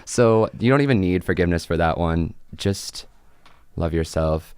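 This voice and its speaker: A man's voice: deep voice, moderate pace, a little mellow, smooth, no echo. A young man hosting a casual chat show, rambling and chatty, full of fillers and laughs. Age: young adult. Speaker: podcast host.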